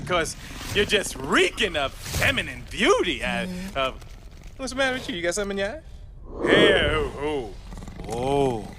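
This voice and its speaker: An actor voicing a cowardly, fast-talking donkey sidekick in an animated comedy film, flustered, babbling and full of exclamations. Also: male voice, extremely high pitch, background noise. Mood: anxious excuses. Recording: film clip under loud music.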